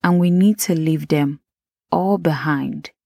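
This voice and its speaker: A woman's voice: sits low, slow pace, gravelly, a little mellow, no echo, studio quality. A woman with a Nigerian accent hosting a podcast, chatting casually and talking straight to her listeners. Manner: chatty, addresses listeners directly. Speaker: podcast host.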